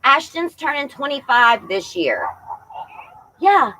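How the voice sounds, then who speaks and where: A woman's voice: high voice, sing-song, slow, pushed and bright, poor audio. Woman, forties, tarot livestream host, casual and affectionate, says y'all, faint background noise. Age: 40s. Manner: chatty and affectionate, addresses viewers as y'all.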